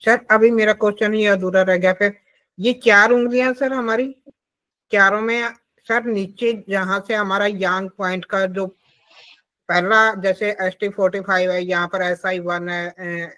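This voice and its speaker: A student with a sharp, bright voice puts short, polite questions to the teacher in an acupressure class. They address him as sir. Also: medium pitch, steady tone, a little slow.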